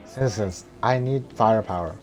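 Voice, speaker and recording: A man voicing a cocky little dragon sidekick, reading the lines in a flat, droning manner. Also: on the low side, moderate pace, lightly acted. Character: cocky small male guardian dragon sidekick.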